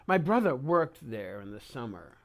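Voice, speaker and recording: An older man reminiscing in an oral-history interview, speaking haltingly with repeated words and pauses mid-sentence. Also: medium pitch, sing-song. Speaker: interviewee recounting memories.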